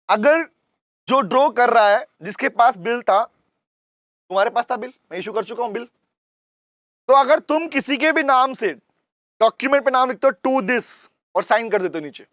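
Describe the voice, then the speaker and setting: Male commerce teacher, very high voice, dry close sound, repeats key terms. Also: a bit bright, no room sound. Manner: explains in Hindi mixed with English terms, repeats points, calls out to students. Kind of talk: classroom lecture.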